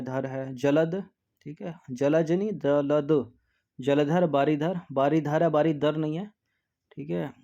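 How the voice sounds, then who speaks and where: A man teaches exam practice, repeating words to drill spelling and commonly lowering his voice to a soft aside after each answer. The audio is dull.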